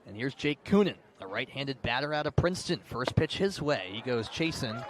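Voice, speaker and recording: This play-by-play announcer has a mid-range voice and an animated delivery at normal speed. Broadcasting live radio commentary from an outdoor ballpark or field, he narrates each play closely and gets more intense when big moments hit. Faint background noise runs under the outdoor feed.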